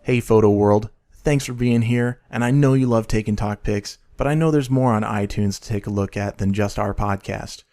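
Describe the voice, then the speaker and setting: A man's voice: lowish voice, normal speed, few pauses, mellow, faint music behind. A man hosting a casual photography podcast, upbeat and friendly as he reads promos and chats with a guest. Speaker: podcast host.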